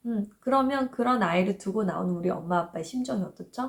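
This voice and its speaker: 30s woman explaining parenting stuff, soft reassuring tone, middle-pitched voice. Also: animated, quick pace, creaky. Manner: gentle, reassuring, acts out parents' and children's inner thoughts. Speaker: parenting educator. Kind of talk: explanatory parenting advice talk.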